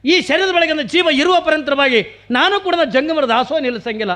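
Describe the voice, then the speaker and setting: A man's voice: extremely high pitch, animated, moderate pace, pushed and bright, heavily acted. A man voicing a devoted wife who answers her husband tearfully and earnestly.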